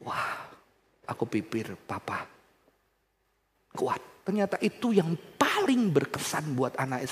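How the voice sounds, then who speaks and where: Man preaching, fairly high voice, dramatic swings from hushed to loud, speaks straight to the congregation. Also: in a large hall. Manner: dramatic swings between soft, low passages and loud, high emphatic bursts; addresses the congregation directly as brothers and sisters. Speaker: pastor. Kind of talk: sermon.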